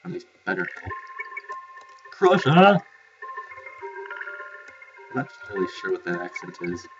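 A man giving casual let's play commentary, chatty and self-mocking, reacting loudly to what happens in the game. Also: sits low, fast talker. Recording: lo-fi capture with game music.

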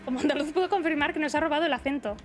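A woman's voice: high-pitched, racing, faint music behind. A young woman streamer from the Basque Country chatting casually and rambling while gaming. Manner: chatty, reads chat aloud, rambling.

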